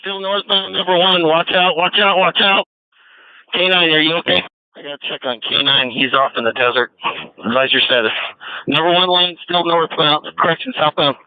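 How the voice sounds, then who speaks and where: A man's voice: a little high, moderate pace, clean tone, dry recording, phone-quality sound. Man on police radio, urgent callouts. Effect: police radio transmission. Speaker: deputy in a pursuit.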